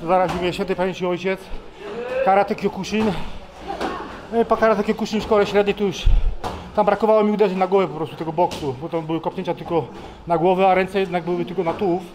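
A man of about forty, sweaty after training, giving casual, halting interview answers with many restarts, speaking into a handheld mic in a busy indoor gym. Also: high-pitched, level tone. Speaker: kickboxer being interviewed. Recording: noisy gym crowd around. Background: crowd of people training.

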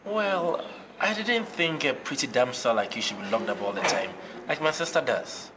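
An actor with a Ghanaian accent playing a defiant, irritable, smooth-talking young man in a film drama. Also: mid-range voice, expressive, normal speed, lightly acted. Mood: coaxing. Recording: noisy location film sound.

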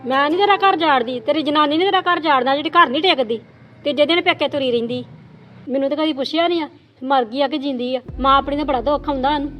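A woman playing a jealous, nagging mother-in-law in a Punjabi village drama, taunting and quick. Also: high-pitched, fairly bright tone, faint music behind. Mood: scolding. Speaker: actor in family drama.

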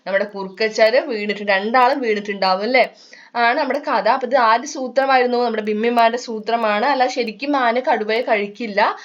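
A woman teaches a class of small children, asking question after question and stretching her words out. Her voice sits a little high. The recording sounds dull and lo-fi. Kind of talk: online class lesson for young children.

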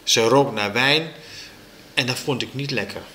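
A man reading a children's book aloud with slow, expressive storytelling. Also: mid-range voice, slight background noise.

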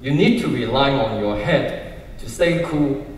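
A man's voice: medium pitch, lively intonation, measured pace, slight background noise. A man heading a university department, reading a formal commencement speech from notes at a stage mic. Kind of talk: prepared speech read from notes. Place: large hall, on stage at a standing mic. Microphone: stand mic. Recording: roomy hall sound, heard from a distance.

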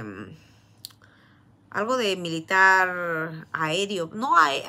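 A woman's voice: medium pitch, sharp tone. A woman in her thirties with a Peruvian Spanish accent, telling a family story in a chatty vlog, often laughing and full of fillers. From Peru. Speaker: vlogger. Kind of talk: casual storytelling.

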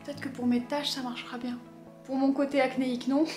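A woman vlogging to camera, chatty and excitable, her slightly high voice full of little hesitations. The room gives her voice a roomy echo, with soft music running underneath. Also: fast talker. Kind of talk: casual chat to camera. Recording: echoey room with faint music.

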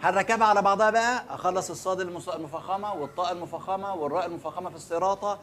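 A man with an Egyptian accent teaching Quran recitation, drilling words slowly and asking listeners to repeat them back. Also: high voice, noisy background. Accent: Egyptian Arabic. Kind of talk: recitation lesson.

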